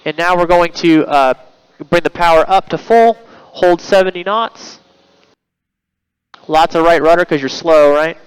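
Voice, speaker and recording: A man working as a flight instructor, calmly and encouragingly talking a student through maneuvers step by step over a cockpit headset. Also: fairly high pitch, measured pace, pauses often, clean tone, low-quality recording. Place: small airplane cockpit in flight. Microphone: aviation headset intercom.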